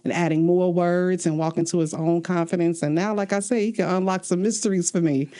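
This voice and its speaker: A woman's voice: fairly low pitch, steady tone, fairly quick, mellow. A woman co-hosting a casual relationship podcast, speaking earnestly about faith and marriage and laughing often. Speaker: podcast co-host.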